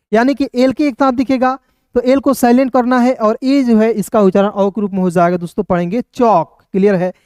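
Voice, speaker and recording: In a recorded video lesson, an English teacher with a high-pitched, darkish voice spells out words one letter at a time. He is patient and repetitive, frequently adding filler phrases, and the studio sound is clean with no echo.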